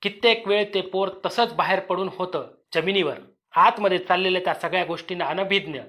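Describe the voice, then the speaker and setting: A man narrating a dramatic audio story in a slow, emotional way, with occasional restarts. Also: high voice, pushed and bright.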